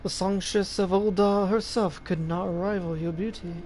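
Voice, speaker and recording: A man voicing a flirtatious male bard who speaks in a soft, flowery, courtly way. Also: high voice, normal speed, slight background noise, lightly acted. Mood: flattering. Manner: courtly, flattering.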